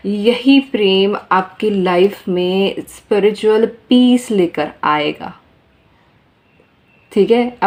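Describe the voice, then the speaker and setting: A woman giving a tarot reading to her viewers in a casual, earnest way, often repeating phrases and speaking to them directly. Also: medium pitch. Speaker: tarot reader.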